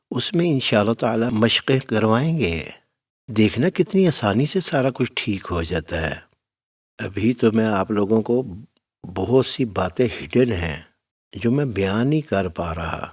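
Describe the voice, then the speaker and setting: Fatherly low-voiced male recitation teacher. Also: animated, distant mic. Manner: fatherly, addresses listeners as "my son"; plain-spoken, gives firm step-by-step instructions. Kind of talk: spoken lesson with recited demonstrations.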